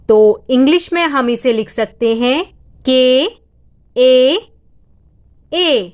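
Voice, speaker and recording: A woman tutor, patiently explaining vowel sounds step by step and drawing out each sound. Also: sits high. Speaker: home tutor teaching reading. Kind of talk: step-by-step lesson.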